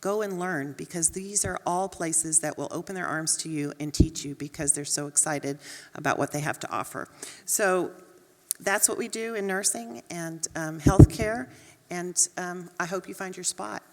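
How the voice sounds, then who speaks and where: A Texan woman with a fairly low, slightly mellow voice speaks at a normal pace. She's a nursing dean on a panel, talking in an earnest, encouraging, conversational way, and the recording carries a long hall reverb.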